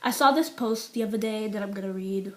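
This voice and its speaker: Speaking a little fast in a mid-range, fairly bright voice, a British girl of seventeen opens up to camera in an unscripted vlog confession. Her talk rambles with lots of fillers and restarts, sinking to almost a whisper when topics turn painful.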